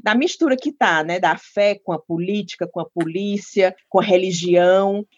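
A woman's voice: medium pitch, normal speed, dry recording, muffled recording. Chatty woman with a Ceará accent. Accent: Ceará, Brazil. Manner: chatty, enthusiastic, quotes her mother. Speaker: podcast host. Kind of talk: casual chat.

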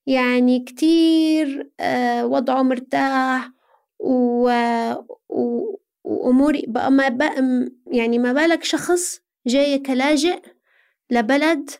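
Answering in an interview, a woman from Aleppo, Syria speaks in a high-pitched voice with a darkish tone. Her earnest, conversational delivery mixes explanations with rhetorical questions.

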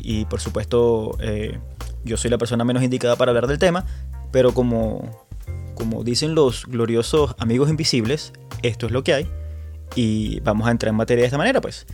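A male podcast host from Venezuela, with a Venezuelan Spanish accent, discusses tabletop gaming in a chatty, casual manner. His voice is medium-pitched with a darkish tone, and he often restarts and repeats words.

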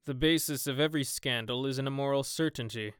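A worldly aristocrat who drawls his epigrams with lazy amusement. A man voices him in a smooth, dry tone, slightly lighter than his own. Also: medium pitch, quick pace, fairly bright tone, dry recording, natural voice. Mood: amused, cynical. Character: witty, cynical aristocratic gentleman.

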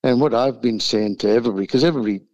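A man with a croaky frog voice from the flu, talking in an easygoing, informal way as an interview guest. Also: mid-range voice, very fast, darkish tone, no room sound. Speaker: race track owner, interview guest. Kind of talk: casual interview. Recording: muffled, dull lo-fi sound.

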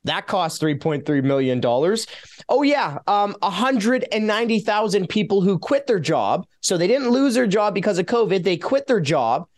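A Canadian man, a taxpayer advocate guest on a casual radio interview, talking in an animated, sarcastic way as he lists figures. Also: high-pitched, normal speed.

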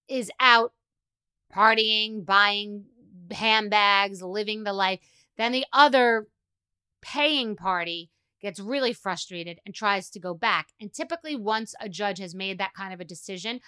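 A woman giving explanatory commentary as a host, putting deliberate stress on key words. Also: mid-range voice, bright, forceful tone, clean tone. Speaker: podcast host, family law commentator.

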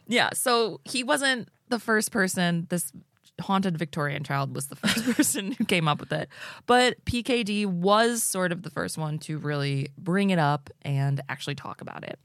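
Woman, podcast co-host, lowish voice, informal storyteller, recorded dry in an attic. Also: expressive, moderate pace, a bit bright, no echo. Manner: informal, swearing. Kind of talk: casual conversational storytelling.

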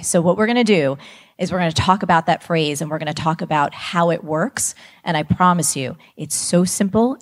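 Lively woman telling a story. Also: low voice. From New Jersey. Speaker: motivational speaker. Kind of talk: storytelling talk to students.

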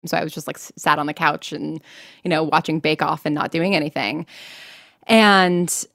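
Being interviewed, this young American podcast creator and actor recounts her own story in a chatty, self-deprecating way, laughing while she speaks. Her voice is low, steady and gravelly yet fairly bright, at a moderate pace, captured in studio quality with no echo.

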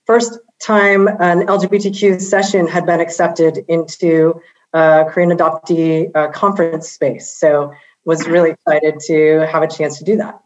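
A woman moderating a panel, speaking gently and haltingly with many "um"s. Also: sits low, level tone. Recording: slightly dull video-call audio.

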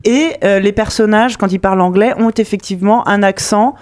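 A podcast co-host in a casual discussion, with a mid-range pitch. The voice cuts in often and explains things eagerly. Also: a little fast.

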